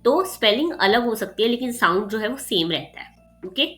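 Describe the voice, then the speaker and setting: A woman teaching an exam revision lesson casually, often checking in with her students and mixing in English terms, with faint music behind her. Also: a little high. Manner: frequent check-ins of "theek hai" and "okay", mixing English terms; gets faster and louder when excited while explaining. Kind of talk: casual explanatory lecture.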